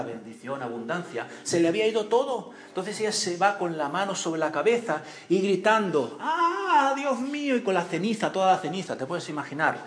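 A pastor preaching a sermon in church, telling stories with acted-out voices and questions to the congregation. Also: male voice, on the high side. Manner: animated storytelling, acts out voices and cries, asks the congregation questions.

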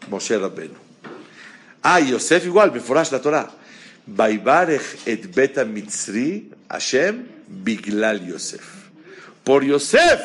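Animated male rabbi teaching a class. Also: mid-range voice, slight background noise. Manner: animated, asks the audience questions, mixes Hebrew terms. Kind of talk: Torah class lecture.

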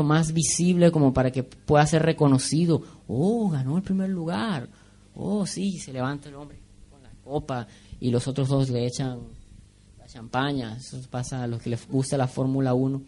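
A man's voice: medium pitch, a little mellow. A man preaching a sermon in a conversational way, asking the congregation questions and making joking asides.

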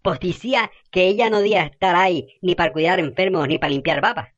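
A woman's voice: fairly low pitch, fast, muffled recording, close to an everyday voice. A woman playing a fiery, foul-mouthed middle-aged gossip who rants indignantly in rural slang.

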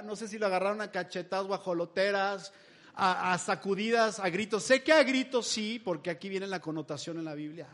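A man preaching a sermon in a chatty, humorous storytelling style. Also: sits high. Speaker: pastor.

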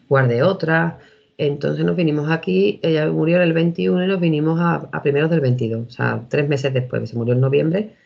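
A woman's voice: very deep voice, vocal fry, a little mellow, breathy edge. A woman in her thirties from Seville with an Andalusian accent, telling her own experiences as an interview guest in a rambling way, often restarting. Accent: Andalusian Spanish. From Seville, Spain. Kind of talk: casual storytelling. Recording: dull lo-fi recording.

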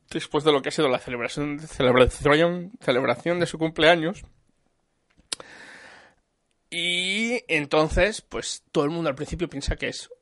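A man's voice: on the high side, a bit bright, no room sound. Man rambling about a film. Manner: rambling, full of restarts and repeated words. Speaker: film reviewer in conversation. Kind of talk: casual chat.

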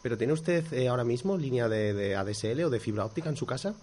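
A man's voice: mid-range voice, expressive, fast talker, darkish tone, a little hiss or hum. A man co-hosting a radio show, playing a formal phone salesman in a prank call. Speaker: radio co-host.

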